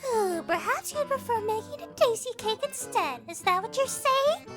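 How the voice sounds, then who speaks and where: A woman's voice: very high-pitched, expressive, moderate pace, fairly bright tone, faint music behind. A woman voicing a bossy, vain, hot-tempered young princess in a fan cartoon dub, theatrical and easily indignant. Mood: skeptical. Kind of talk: fan comic dub, exaggerated cartoon acting.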